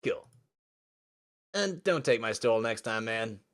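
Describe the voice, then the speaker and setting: A man's voice: medium pitch, lively intonation, slow pace, fairly bright tone. A man doing a laid-back bro student. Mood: coaxing. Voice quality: casual, says dude and man a lot. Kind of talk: voice acting a visual novel.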